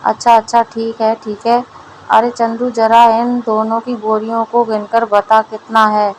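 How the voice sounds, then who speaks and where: A stern rich village moneylender who scolds and threatens gruffly, read by a woman. The voice sits fairly high and stays flat, with a faint hiss behind it. It is a storybook reading. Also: a little slow, lightly acted, low-quality recording. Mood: businesslike.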